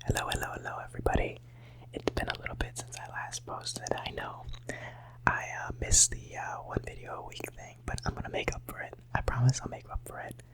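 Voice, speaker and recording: This low-quality recording captures an ASMR creator in their late teens whispering at home near the mic, a little fast. They sound somewhat sick and hoarse as they ramble casually and softly repeat words.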